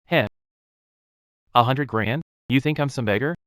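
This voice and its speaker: An actor playing a young, proud fruit tree breeder who talks steadily and bluntly in a dubbed drama. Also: male voice, mid-range voice, measured pace, fairly bright tone, no echo, clean studio sound, natural voice. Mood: cold reproach. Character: proud self-made durian grower, young man, calm and firm.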